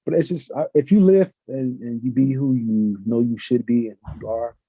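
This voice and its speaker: A middle-aged professor, guesting on a podcast, answers interview questions earnestly and reflectively with many fillers. His voice is medium-pitched at a moderate pace, with no echo, though the audio is muffled and lo-fi.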